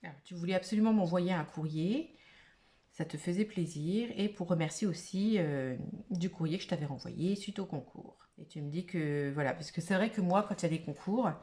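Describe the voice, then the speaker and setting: A woman's voice: fairly low pitch, normal speed, mellow. A woman vlogger opening craft mail in a casual chat to camera, gushing and exclamatory, full of little fillers.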